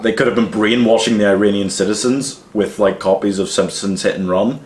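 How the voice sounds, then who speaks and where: A man's voice: on the low side, fairly even intonation, fairly quick. A young man hosting a comedy podcast in casual banter, rambling and mock-earnest, swearing freely. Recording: echoey room.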